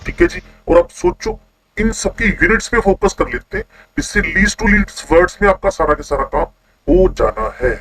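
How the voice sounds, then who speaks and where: A man teaching a chemistry class online, constantly quizzing his students with quick questions. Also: sits high, big pitch swings, fairly bright tone, poor audio.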